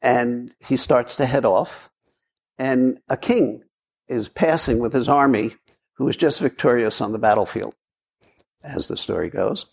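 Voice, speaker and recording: A man's voice: medium pitch, unhurried, vocal fry, husky. A man giving a Zen dharma talk, telling a story in a rambling way with repeats and fillers. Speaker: Zen teacher. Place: meditation hall.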